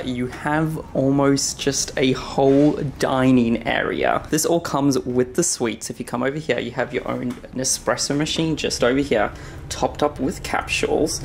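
There's a little hiss or hum as a young man with a mid-range voice vlogs his way through a cruise ship's interior. He records on a camera held at arm's length, keeping things casual, upbeat and chatty like a tour guide.

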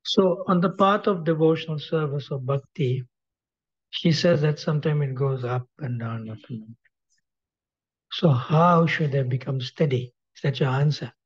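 A man's voice: fairly high pitch, moderate pace, breathy edge. A man, a swami, giving a devotional lecture, repeating key phrases and checking with his audience. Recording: dull lo-fi recording.

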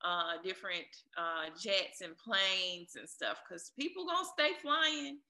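Speaking a little slowly with lively intonation, the woman, an interview guest who is an air traffic controller and DJ, offers casual, encouraging answers. Her mid-range voice sounds pushed and bright, captured in a roomy, echoey recording.

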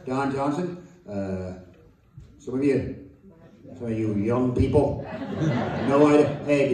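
A middle-aged American man doing a stand-up comedy routine with deadpan, sardonic, profane rants. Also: mid-range voice. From United States. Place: live comedy venue with audience laughter. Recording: echoey distant venue recording.

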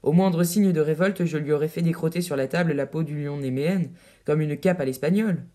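A swaggering captain full of pompous bluster, voiced by a man reading an audiobook. The voice sits high yet sounds dark and mellow. He boasts in grand, puffed-up phrases. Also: fairly quick, close to an everyday voice. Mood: pompous boasting.

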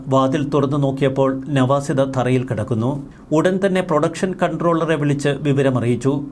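A man reading a scripted news voice-over in a solemn, measured way. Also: a little high, a little mellow, a little hiss or hum. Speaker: news narrator.

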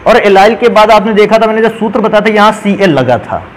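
Calling his students "beta," a man works through chemistry examples step by step in a whiteboard lesson, his high-sitting voice animated and brisk. The audio is poor.

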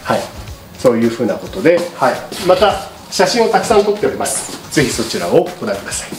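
A middle-aged bicycle shop presenter explains a product casually to camera, polite and unscripted, in a roomy space that is a small indoor studio with a paper backdrop. His medium-pitched voice is very animated and fast. There's roomy echo, music behind, and slight background noise.

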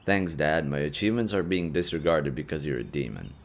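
In an intimate audio roleplay, a man plays an easygoing young half-demon adventurer chatting with his best friend. His very deep voice moves fairly quickly with lively intonation. The mood is relaxed and teasing, the manner casual and chatty.

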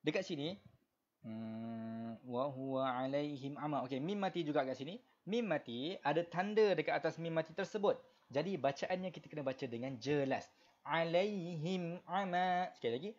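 A man's voice: a little high, animated, a little mellow. Malaysian male Quran teacher, dull audio. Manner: explains patiently with many repetitions and fillers, then chants verses slowly. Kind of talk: online Quran recitation lesson.

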